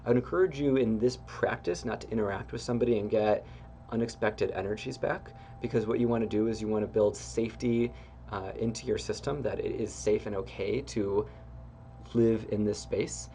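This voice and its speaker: A man as a spiritual teacher giving guided self-help instruction. He talks in an engaged, expressive, gently encouraging way, with soft laughs and relaxed fillers. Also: on the low side, brisk, a little hiss or hum.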